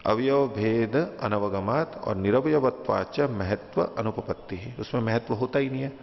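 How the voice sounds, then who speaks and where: Speaking a little slowly, with a medium-pitched voice and vocal fry, a teacher walks his class through a philosophical text one point at a time. He patiently repeats each point using simple examples, and the audio is muffled with a long hall reverb.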